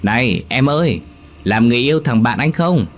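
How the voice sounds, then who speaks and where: A man's voice: on the low side, expressive, moderate pace, slightly rough, soft background music. A man voicing a brash, rowdy young village man who talks in a coarse, mocking way. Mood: teasing. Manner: coarse and mocking, then panicked.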